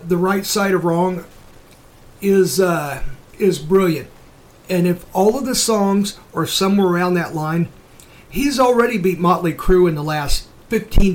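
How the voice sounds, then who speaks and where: High-pitched blunt man hosting a talk show. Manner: blunt, sweary, emphatic. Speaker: show host. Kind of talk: opinionated casual talk show commentary.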